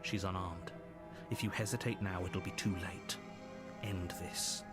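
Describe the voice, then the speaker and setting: A stern male game narrator, with a lowish voice and clear music underneath. He is measured, solemn and imperious. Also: steady tone. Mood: stern urging. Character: stern, grave, commanding male narrator urging a killing. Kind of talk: video game narration, scripted. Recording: music behind the voice.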